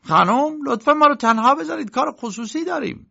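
Male narrator putting on a pushy angry uncle, pitched way up, gravelly, dull lo-fi audiobook. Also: big pitch swings, heavily acted. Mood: brusque. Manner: loud, demanding, shouting. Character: hot-tempered middle-aged uncle, brusque and pushy. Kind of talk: audiobook character voice. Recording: dull lo-fi recording.

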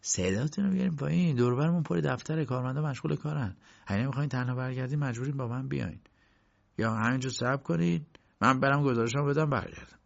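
A man doing a soft-spoken court usher. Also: on the high side, creaky, few pauses, no room sound, dull audio, pitched above the performer's own voice. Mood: calm. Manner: calm, quiet, placating.

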